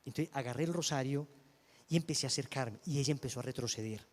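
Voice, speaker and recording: A man preaching a sermon and telling a personal testimony, emphatic, moving between loud declaiming and hushed storytelling. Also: mid-range voice, fast talker, in a large hall.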